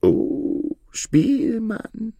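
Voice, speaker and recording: A man's voice: sits high, wildly swooping pitch, extremely slow, dark tone, husky, dry recording, pitched above the performer's own voice, full character voice. A man voicing a sly, fawning fox in a storybook reading, with a dry, close sound.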